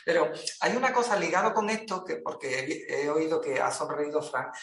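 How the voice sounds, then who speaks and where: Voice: medium pitch, a little fast, a little hiss or hum. Spain Spanish speaker explaining in an echoey room. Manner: explanatory, animated with examples and quoted instructions. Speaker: actor and language teacher. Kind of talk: conversational discussion. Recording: roomy echo.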